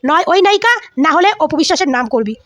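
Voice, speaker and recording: A woman's voice: very high voice, lively intonation, racing, a bit bright, no room sound, studio quality. A woman vlogger giving heated celebrity gossip commentary, scolding and insulting with lots of repetition.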